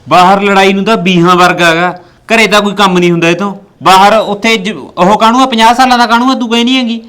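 A man's voice: high voice, fairly even intonation, quick pace, a bit bright. A man with a Punjabi accent acting in a village family drama, reassuring his mother in an earnest way. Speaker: son talking to his mother.

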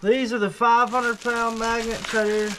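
In his workshop beside a truck, a video host films a casual unboxing-and-testing vlog, rambling offhandedly with plenty of fillers. His voice is extremely high-pitched yet flat, unhurried, bright and forceful. A slight background noise is audible.

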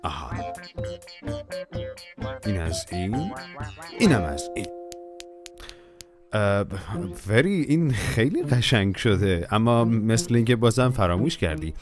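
A man's voice: lowish voice, very animated, long pauses. A man narrating a children's cartoon, talking to the characters in a playful, coaxing way. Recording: music playing behind the voice.

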